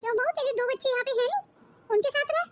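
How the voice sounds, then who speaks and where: A woman's voice: extremely high pitch, rapid-fire. A woman voicing a bossy, taunting older mother-in-law in a cartoon. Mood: scornful. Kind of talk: cartoon voice acting. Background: background music.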